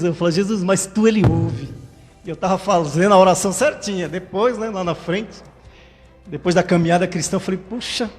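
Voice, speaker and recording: A male pastor delivers a fervent, conversational sermon, often checking in with his listeners mid-phrase. His voice sits notably high. It rings with a long hall reverb over faint background music. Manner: fervent, conversational preaching with frequent "né?" tags. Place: church livestream.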